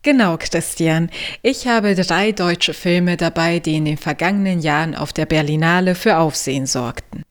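A woman's voice: lowish voice, moderate pace. A woman narrating prepared reviews as a podcast co-host. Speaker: podcast co-host giving film tips.

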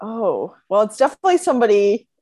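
A woman's voice: medium pitch, sing-song, quick pace, dark tone, no echo. Chatty woman, dry close sound. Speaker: guest. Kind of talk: casual chat.

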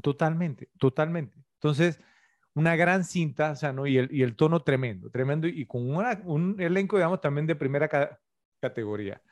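A man's voice: fairly high pitch, moderate pace, dry recording. A middle-aged man co-hosting a casual film-review podcast, rambling and full of tag questions. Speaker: podcast co-host.

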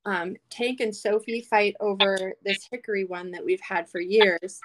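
A cheerful woman in her forties chats as a podcast guest, full of "um"s and easy warmth in her words. Her voice sits in a middle range, and a faint hiss runs under it. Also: medium pitch, steady tone, a little slow, rough recording. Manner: cheerful, chatty, uses fillers. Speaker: guest, small business owner. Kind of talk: casual podcast interview.

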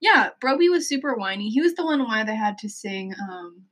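Bright-voiced teasing young woman. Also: a little high, lively intonation, a little fast. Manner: teasing, dry, bossy. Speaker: podcast co-host. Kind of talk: casual chat.

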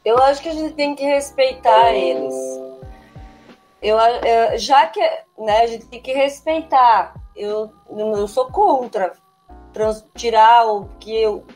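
Female author-teacher, relaxed interview talk, fairly high pitch, soft music bed. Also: slow. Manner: chatty, frequent tag questions. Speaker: children's book author and teacher. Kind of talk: casual interview answers.

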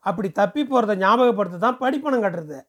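A man voicing a pushy, smooth-talking male temple ticket seller who lectures briskly and persuasively. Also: high-pitched, close to an everyday voice. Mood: brisk lecturing.

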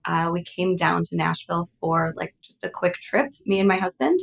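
An American woman chatting casually as a podcast guest, with a little vocal fry and an informal way of talking. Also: lowish voice, normal speed, rough recording. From Illinois, United States. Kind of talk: casual interview chat.

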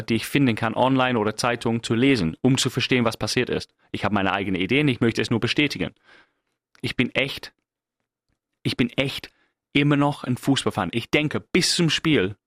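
A man's voice: medium pitch, no room sound, clean studio sound. A middle-aged man from England with an English accent, speaking German as a second language in a casual, self-mocking podcast monologue full of fillers and restarts. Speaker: podcast host.

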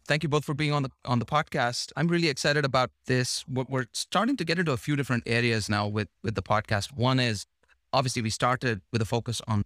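Here the male podcast host's pitch is medium and his tone fairly bright. The talk is casual interview chat, full of rambling, restarted phrases and fillers, captured dry in a clean studio.

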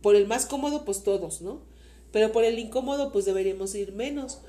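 Woman, Mexican accent, warm relaxed timbre, casual heartfelt talk, many fillers. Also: mid-range voice, brisk. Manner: earnest, faith-filled, rambling with many fillers. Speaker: interview guest, mother of the host.

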